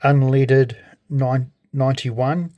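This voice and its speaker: A man talks through a casual hands-on demonstration. His voice sits at a medium pitch, and he speaks very slowly, in a halting, friendly way. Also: level tone, mellow. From New Zealand. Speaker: video creator.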